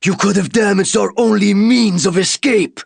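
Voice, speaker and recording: A hulking alien soldier, who barks in heavily accented English. The voice is loud, pitched well above the narrator's own, and strained in timbre. The read is dry and close, with a stern, scolding edge. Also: male voice, very animated, a little slow, creaky, breathy edge, no echo, heavily acted. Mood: angry. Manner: heavily accented, barking, formal. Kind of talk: audiobook character voice.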